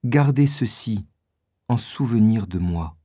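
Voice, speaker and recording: A man's voice: on the low side, animated, takes it slowly, dark tone, breathy edge, no room sound, studio quality, heavily acted. A man voicing a sad dignified queen. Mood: sad firm. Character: sad, dignified queen, firm yet tender.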